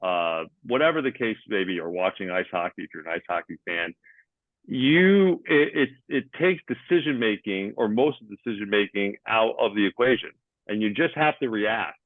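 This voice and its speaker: A man's voice: on the low side, lively intonation, moderate pace, dry recording. A man who coaches athletes with ADHD, explaining sports in plain terms with examples on a video call. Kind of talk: explaining in conversation. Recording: tinny phone-like line, dry.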